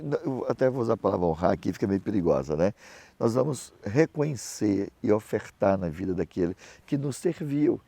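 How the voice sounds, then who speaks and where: A man's voice: lowish voice, gravelly, dry recording. A middle-aged man, a pastor and missionary, preaching and telling anecdotes, acting out the people he quotes in his stories. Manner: animated storytelling, acts out other voices in quotes.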